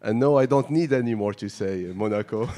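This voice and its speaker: A man's voice: on the low side, fairly quick, dark tone. A middle-aged man, introducing himself on a conference panel with light humor and frequent fillers. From Morocco. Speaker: panelist, startup founder.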